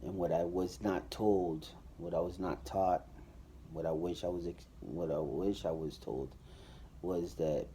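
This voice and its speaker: A man with a low voice gives a personal testimony. His tone is dark and mellow. He talks loosely and casually, with many fillers and restarts. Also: steady tone, unhurried, slight background noise.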